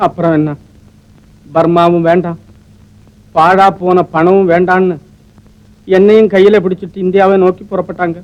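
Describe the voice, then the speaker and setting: A man's voice: high voice, level tone, moderate pace, long pauses, muffled recording, natural voice. An actor playing a grieving young male doctor, in a choked, tearful and theatrical 1950s film melodrama style. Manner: emotional, theatrical storytelling.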